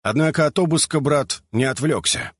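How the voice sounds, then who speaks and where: A man narrating an audiobook in an expressive storytelling manner. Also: fairly high pitch, moderate pace, breathy edge, no echo.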